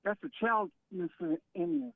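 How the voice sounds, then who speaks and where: A man from Michigan calling in to a radio show, arguing in a combative, halting and insistent way. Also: sits high, no echo. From Michigan, United States. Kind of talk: live argument as a call-in radio caller. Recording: narrow-band phone line over radio.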